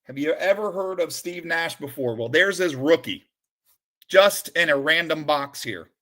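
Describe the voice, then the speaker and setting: A bright, high-ish male voice that swings widely in pitch while he commentates on a live stream. He calls out names slowly and deliberately, then drops into low muttered asides. His excitement comes in bursts. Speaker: sports card streamer opening a collection.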